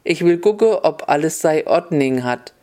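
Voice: mid-range voice, animated, normal speed, mellow, lightly acted. A storyteller doing a stern lady official. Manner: stern, scolding. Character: stern woman official at the window.

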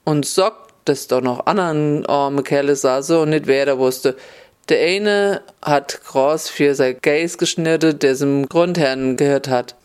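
A man's voice: fairly high pitch, a little slow, smooth. A man reading a fairy tale aloud, telling it in a folksy way with dialect words. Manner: folksy, mixes dialect into the narration. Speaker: storyteller.

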